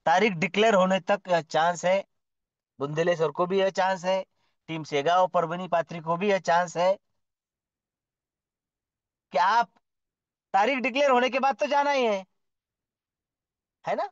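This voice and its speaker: A fairly high-voiced man gives a motivational address, formal and effusive, heaping praise and asking rhetorical questions. The sound is dull and lo-fi, and it is dry, with no room echo. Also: unhurried, pauses often. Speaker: speaker at an online business community meeting.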